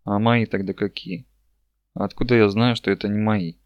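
A man's voice: on the low side, fairly even intonation, normal speed, dry recording, highs cut off, lightly acted. A man voicing a confused man who wakes with no memory, speaking in bewildered questions.

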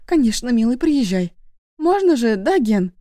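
A woman's voice: on the high side, big pitch swings, normal speed, warm tone, dry recording, studio quality, voice pushed up. A woman voicing a flustered, caring middle-aged mother talking on the phone, anxious and affectionate. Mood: worried fussing.

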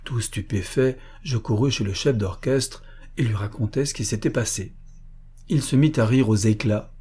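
A man reading a classic story aloud as scripted narration, in a steady, measured way and with a husky voice. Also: mid-range voice. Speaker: audiobook reader.

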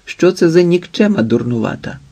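A man doing a scornful, shouting teenage boy. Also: a little high, lively intonation, moderate pace, pitched above the performer's own voice. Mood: scornful, angry. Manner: shouting, contemptuous.

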